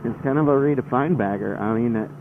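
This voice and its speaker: A man's voice: medium pitch, fast talker, creaky. Man rambling inside a helmet, tinny sound. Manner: rambling, hesitant. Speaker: motorcycle vlogger. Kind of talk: casual motovlog chat while riding. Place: inside a helmet on a motorcycle, outdoors. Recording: band-limited helmet mic, engine and road noise. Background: vehicle noise.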